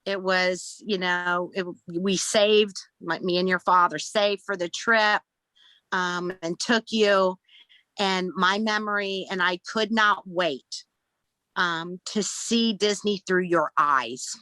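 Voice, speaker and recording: A middle-aged woman talks slowly and haltingly in an interview, pausing often as she holds back tears. Her voice is bright and forward. The sound is dry and close. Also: fairly low pitch, dry recording, rough recording. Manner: slow, halting and tearful, many fillers. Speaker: guest, podcast host's mother. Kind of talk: emotional interview.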